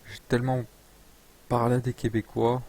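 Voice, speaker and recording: A man's voice: medium pitch, monotone, moderate pace, mellow. A young man live-streaming a game, chatting casually, reading chat aloud and joking around with playful accent attempts. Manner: rambling, reads chat aloud, jokes and tries out accents.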